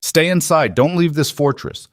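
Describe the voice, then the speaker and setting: Voicing a stern, commanding wolf king, a man barks curt, clipped orders, pitched above his natural voice. He sounds medium-pitched and very animated at a moderate pace, and the clean studio recording has no room sound.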